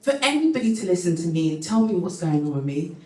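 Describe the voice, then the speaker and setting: A woman's voice: lowish voice, fast. Candid woman host telling her story. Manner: candid, animated storytelling with acted-out quotes. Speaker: event host and founder. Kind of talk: personal story told to a live audience. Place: event venue room. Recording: echoey room, voice from far off.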